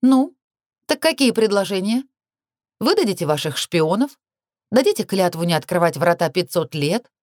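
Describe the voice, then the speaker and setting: A woman voicing a defiant, sharp-tongued young heroine who makes mocking retorts. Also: on the low side, sing-song, moderate pace, no echo, studio quality, pitched above the performer's own voice.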